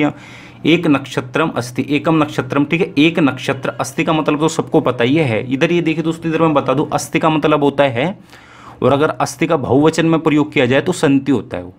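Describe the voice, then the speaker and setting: A man teaching an exam-prep lesson in a casual, friendly way, checking in often and slowing down to read passages aloud. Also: on the high side. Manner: friendly, repeats "ठीक है" often, slows to read Sanskrit aloud.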